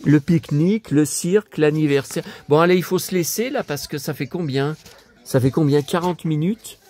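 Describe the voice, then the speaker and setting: A man's voice: on the high side, normal speed, warm tone. An older man from France chatting casually as a vlogger, musing aloud as he reads English words in a French way. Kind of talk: casual chat while leafing through a book.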